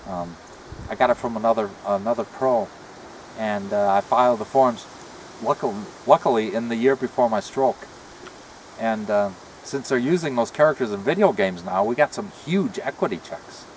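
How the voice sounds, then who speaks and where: Middle-aged man, speech from the corner of the mouth, casual rambling chat, halting, noisy outdoor recording. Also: mid-range voice, animated. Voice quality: talks out of one side of the mouth. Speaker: retired comic book artist showing a car. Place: outdoors beside a parked car.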